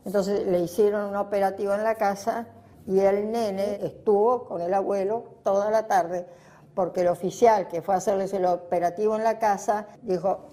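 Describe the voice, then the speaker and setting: This interviewee is an older woman with an Argentine accent and a dark, medium-pitched voice. Her testimony unfolds in a reflective, unplanned way, with emphatic repetition.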